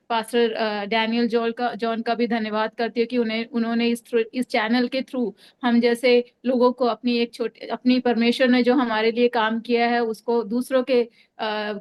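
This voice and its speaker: A woman's voice: a little high, smooth. Hesitant woman giving a faith testimony. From Delhi, India. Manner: hesitant, many fillers and restarts. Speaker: testimony speaker.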